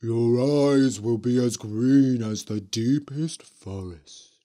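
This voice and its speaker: A man voicing an eerie ghost witch in a slow, low, sing-song manner. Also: dark tone, lightly acted. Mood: cursing.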